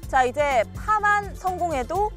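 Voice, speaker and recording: A woman's voice: very high voice, animated, measured pace, fairly bright tone, soft background music. A woman giving polite, explanatory commentary on a televised golf match.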